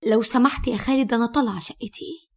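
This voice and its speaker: A woman's voice: fairly high pitch, fast talker, natural voice. A woman with an Egyptian accent voicing a hurt, indignant young wife who keeps questioning sharply. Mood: upset.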